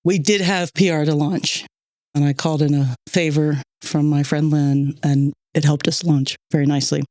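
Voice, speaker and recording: A woman's voice: sits low, fairly even intonation, moderate pace, darkish tone, no echo, studio quality. A woman hosting a podcast in casual chat, talkative and grateful, laughing often between thoughts. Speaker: podcast host and producer. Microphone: studio microphone.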